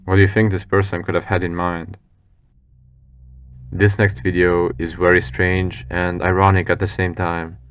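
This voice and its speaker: Low, even-toned man narrating eerie clips. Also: moderate pace, soft background music. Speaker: narrator of a scary video compilation. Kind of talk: scripted narration.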